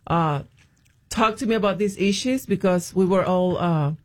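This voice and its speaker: This interview features a woman from Puerto Rico telling her faith story at a moderate pace in a medium-pitched voice. She is a hesitant guest, with many ums and restarts.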